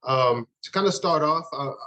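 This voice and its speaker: A man in his thirties from Uganda, a youth pastor speaking earnestly and haltingly in a podcast interview. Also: a little high, sharp tone, poor audio. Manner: earnest, halting, with frequent restarts.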